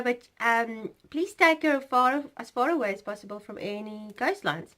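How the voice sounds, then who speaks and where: A woman's voice: sits high, a bit bright. A woman from South Africa with a South African accent, hosting a knitting podcast in a rambling, chatty way full of fillers and asides. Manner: rambling, chatty, self-interrupting with fillers and laughs. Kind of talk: casual chat.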